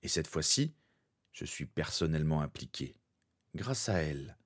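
A man voicing a grim, vengeful soldier in a fan fiction reading, speaking low and threatening. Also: very animated, moderate pace, heavily acted.

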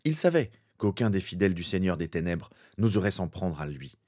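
A man narrating a fan fiction story in a steady, dramatic way. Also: low-pitched, a little fast.

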